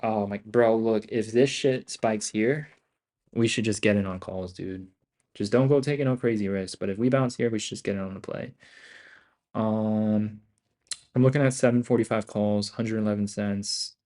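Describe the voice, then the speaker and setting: A man giving casual live trading commentary as a streamer, in loud, cocky, slangy finance-bro talk full of swearing and bro and dude. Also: fairly low pitch, fairly even intonation, normal speed. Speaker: day trader hosting a live stream.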